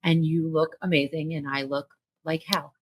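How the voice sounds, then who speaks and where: A woman's voice: sits low, flat delivery, moderate pace, slight background noise. A woman podcast co-host in casual chat, joking and self-deprecating.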